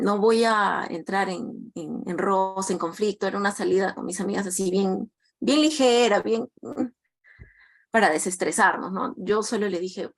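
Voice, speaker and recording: A woman student tells the class about something that happened to her. She talks hesitantly, restarts her sentences and keeps adding questioning tags. Her pitch is in the middle range. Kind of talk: recounting an anecdote in class.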